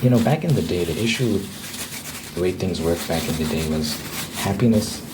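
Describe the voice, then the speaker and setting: Guy with a really low voice, casual opinionated advice talk, repeats himself a lot, noisy background. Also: lively intonation, moderate pace. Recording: clear background noise.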